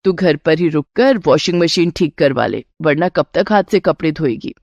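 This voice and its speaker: Woman playing a middle-aged mother-in-law, lower voice, calm and motherly, dry close sound. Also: normal speed, dry recording, highs cut off. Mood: reassuring. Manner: calm, motherly, matter-of-fact. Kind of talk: storybook character voice.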